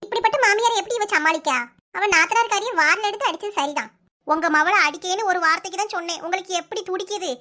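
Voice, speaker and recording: A woman voicing a shrill, nagging cartoon mother-in-law with a Kanyakumari accent. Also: pushed and bright. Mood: threatening. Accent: Kanyakumari Tamil. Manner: scolding, rapid-fire nagging. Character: sharp-tongued older mother-in-law, bossy. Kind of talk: comic cartoon voice acting.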